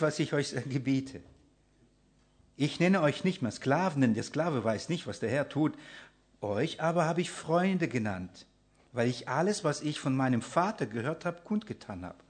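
Husky, animated preacher. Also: male voice, a little high. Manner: lively, asks the congregation questions and answers them; swings between loud emphasis and hushed near-whispers. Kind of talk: sermon with Bible reading.

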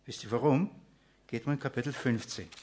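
A man preaching, asking the congregation questions and answering them himself, swinging between loud emphasis and hushed near-whispers. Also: medium pitch, fairly quick, breathy edge. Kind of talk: sermon with Bible reading.

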